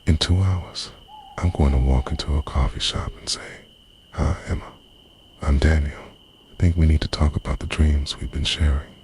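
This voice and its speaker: A man with a bass voice narrates a scripted romantic ASMR roleplay at a moderate pace, breathy and hushed like a confession, often slipping into a whisper. There's slight background noise.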